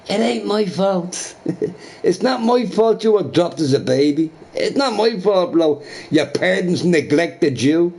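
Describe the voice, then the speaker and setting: A man's voice: gravelly, darkish tone. Profane ranting streamer man. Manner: repetitive, profane, mocking, drops low to a mutter. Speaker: live streamer. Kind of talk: angry rant at a chat viewer.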